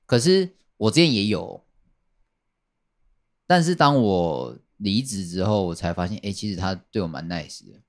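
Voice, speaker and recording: A man's voice: sits low, animated, normal speed. A man chatting casually on a podcast, rambling and repeating his phrases with many fillers. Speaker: podcast guest telling a work story.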